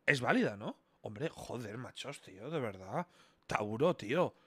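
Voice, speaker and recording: A young man with an accent from Spain, commentating a quiz game on a live stream. He talks excitably, swears often and bursts into shouts. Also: medium pitch, measured pace, slightly rough, dry recording.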